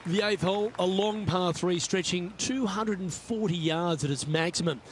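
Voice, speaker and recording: A high-voiced actor as a male golf commentator calls play in a video game. He is composed and courteous, with a measured, polished broadcast delivery, over clear outdoor background noise. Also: lightly acted. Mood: composed, approving.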